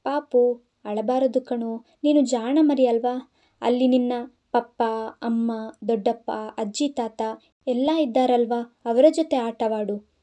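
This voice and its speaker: Give me a sad, soft-hearted young wife from an audio storybook, as a woman narrator voices her, tender with a child and full of doubt. The voice is mellow and slightly high. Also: steady tone, slow pace.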